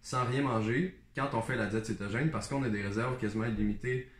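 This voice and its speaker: Fast-talking Québécois man. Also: medium pitch, roomy sound. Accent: Québécois French. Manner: explains in detail with self-mocking jokes. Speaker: nutritionist co-host. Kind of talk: casual chat.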